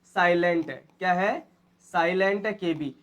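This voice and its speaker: A man's voice: high-pitched, a little slow, fairly bright tone. An Indian man teaching English phrases, repeating each one and quizzing his students. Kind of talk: spoken English lesson in Hindi.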